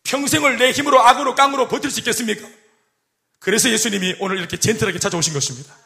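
Fast, animated Korean male pastor. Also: very high-pitched, vocal fry. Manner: animated, acts out quoted voices and jokes with the congregation. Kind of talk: sermon.

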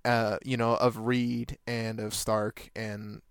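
A man's voice: fairly low pitch, level tone, slow, creaky, clear, resonant tone, dry recording, studio quality. Opinionated man in casual movie chat. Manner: opinionated, plain-spoken. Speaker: podcast co-host.

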